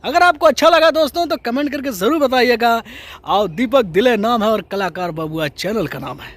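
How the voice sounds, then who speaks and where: A man's voice: very high-pitched, animated, moderate pace, fairly bright tone. A young man, a mimicry vlogger, addressing viewers in a friendly casual outro.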